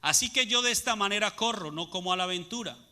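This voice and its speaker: A man's voice: high-pitched, lively intonation, fast, bright, forceful tone. A man preaching a sermon as pastor, asking the congregation rhetorical questions and answering them. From Latin America.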